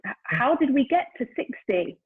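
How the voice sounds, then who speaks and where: Her voice is high, husky and very animated, moving at a moderate pace: a woman in her fifties, a guest and brand founder, in a reflective casual conversation. She's thoughtful and keeps searching for words with many "you know"s, heard through a tinny phone-like line on a lockdown remote call.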